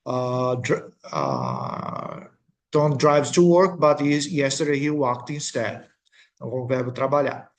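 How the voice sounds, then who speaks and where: Brazilian man, English teacher, patient slide-lesson voice-over, mid pitch, frequent check-ins. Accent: Brazilian Portuguese. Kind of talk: recorded video lesson.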